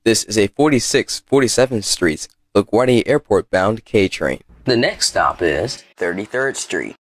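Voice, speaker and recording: Lively, slightly husky male subway announcer. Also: lowish voice, unhurried, no room sound. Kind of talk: scripted station announcements.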